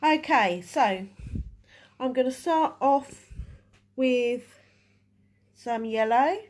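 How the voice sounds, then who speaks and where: Speaking very slowly with a high voice and lively intonation, a woman leads a live nail-art tutorial as the technician. A head cold makes her sound stuffy, and she chats while working, restarting her sentences as she goes.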